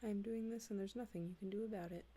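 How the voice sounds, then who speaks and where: A woman reading humorous texts aloud in a soft, hushed ASMR style, slipping in and out of whispers, close to a desktop mic at home. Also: mid-range voice, steady tone, quick pace, husky. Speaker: ASMR reader. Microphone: close desktop USB mic.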